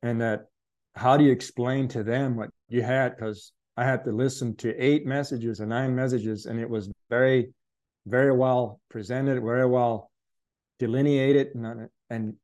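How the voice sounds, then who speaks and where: A man's voice: medium pitch, fairly even intonation, measured pace, a little mellow, highs cut off. A man earnestly recounting a spiritual experience as an interview guest, reflective and searching for words. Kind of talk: conversational testimony.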